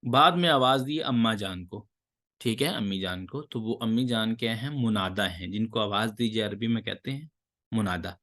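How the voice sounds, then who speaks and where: A man's voice: fairly low pitch, fairly bright tone. Male Arabic teacher, reads the lines, translates them, praises answers. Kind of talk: online Arabic lesson.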